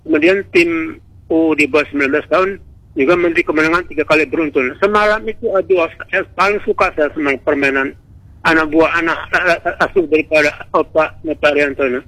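A man's voice: on the high side, steady tone, fairly quick, fairly bright tone, no echo. A man from Indonesia calling in to a radio show by phone. He talks in an outspoken, rambling way and often breaks off and restarts. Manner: outspoken, rambling, self-interrupting. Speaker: radio caller. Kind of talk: call-in opinion on a radio show. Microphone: telephone. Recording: phone line into radio broadcast.

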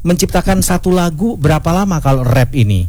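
Brisk male radio host, mellow tone. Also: fairly high pitch, lively intonation, slight background noise. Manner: brisk, reads out listener questions, quick acknowledgements. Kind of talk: radio call-in chat.

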